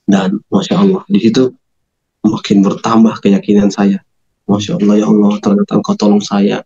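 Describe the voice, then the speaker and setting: A man telling his conversion story in an interview, animated, acting out quoted dialogue in a raised voice. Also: on the low side, normal speed, muffled recording. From Medan, North Sumatra.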